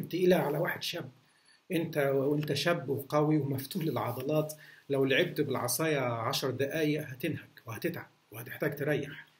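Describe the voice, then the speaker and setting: A man with an Egyptian Arabic accent, a martial arts instructor answering viewer questions in a casual talk, full of fillers and restarts. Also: medium pitch. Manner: hesitant, many restarts and fillers. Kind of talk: casual Q&A monologue.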